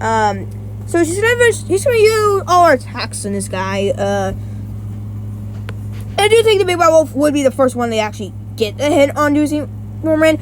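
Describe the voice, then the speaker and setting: Very animated and at a moderate pace, a YouTuber with a high voice gives a casual rundown of a versus battle. The recording is rough, with a faint hum, and her talk rambles through frequent corrections, restarts and the odd swear.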